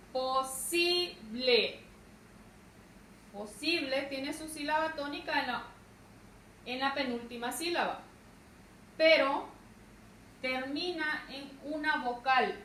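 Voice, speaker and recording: A woman teaching a grammar lesson, pronouncing words slowly and stressing each syllable. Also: high voice, fairly bright tone. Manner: slow, deliberate, stresses syllables. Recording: echoey room, distant mic, faint noise.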